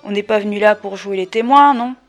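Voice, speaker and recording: A woman's voice: medium pitch, brisk, soft background music, close to an everyday voice. A woman voicing a blunt, crude bearded man in a read-aloud novel excerpt. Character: coarse, dismissive bearded man.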